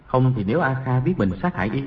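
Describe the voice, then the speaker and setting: A man's voice: mid-range voice, lively intonation, fast talker, distant mic, slight background noise, lightly acted. A man voicing a boastful, scheming teenage boy's inner thoughts in an audiobook, on a dull lo-fi recording. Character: scheming cocky teenage boy hero.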